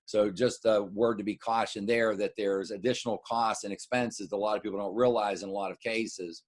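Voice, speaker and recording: A middle-aged American wealth adviser gives clients a casual market recap, his voice lowish and his intonation fairly even. He halts and repeats words as he slips in explanatory asides.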